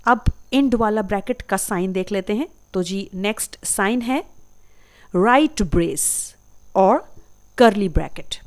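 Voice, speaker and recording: A woman's voice: mid-range voice, darkish tone. Lady teacher, patient voice-over, says every word twice real carefully. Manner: patient, repeats each term carefully. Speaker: English teacher. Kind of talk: slow explanatory lesson.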